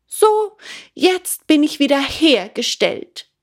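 A woman voicing an eager, whiny wooden puppet boy who talks high and pleading. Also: big pitch swings, slow pace, full character voice. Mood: happy.

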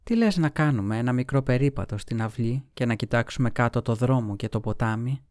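A man voicing a languid, secretive young noblewoman in a storybook reading, with soft, sighing delivery. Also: medium pitch, dry recording, clean studio sound, close to an everyday voice.

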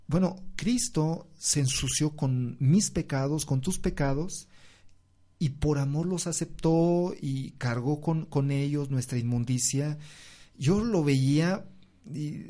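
A man giving a reflective, devout personal testimony in conversation, with many filler sounds. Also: a little mellow. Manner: acts out quoted speech with raised pitch.

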